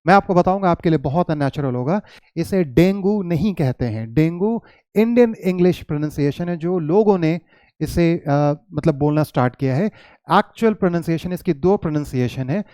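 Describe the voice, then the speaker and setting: Indian man, english teacher, fairly high voice, mellow tone, repeats words slowly, dry close sound. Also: lively intonation, no room sound. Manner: patient, repeats words slowly to model pronunciation; mixes Hindi with English words and phrases. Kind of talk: classroom lesson explanation.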